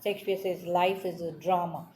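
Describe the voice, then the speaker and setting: A woman teacher explaining the meanings of a poem's words line by line, pausing often with "uh" fillers. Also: on the low side, steady tone, darkish tone, a little hiss or hum. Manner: explains word meanings slowly with many "uh" fillers. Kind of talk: classroom poem explanation.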